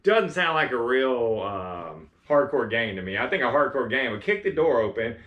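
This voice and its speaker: A man's voice: medium pitch, sing-song, normal speed, muffled recording. A man chatting casually about a movie, blunt and rambling, often repeating words as he goes. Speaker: movie reviewer. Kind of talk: casual chat. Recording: echoey room.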